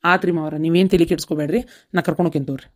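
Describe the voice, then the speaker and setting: A woman voicing a calm family member in a cartoon, speaking with a North Karnataka Kannada accent in a reassuring, matter-of-fact way. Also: on the low side, very fast, natural voice. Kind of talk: cartoon dubbing.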